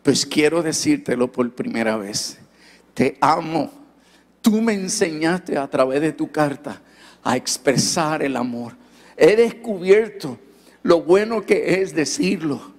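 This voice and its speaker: A man's voice: fairly high pitch, expressive, long reverb tail. A pastor voicing his remorseful old father. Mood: tender. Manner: slow, grave and tender, repeatedly calling out "son". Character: remorseful aging father apologizing to his son.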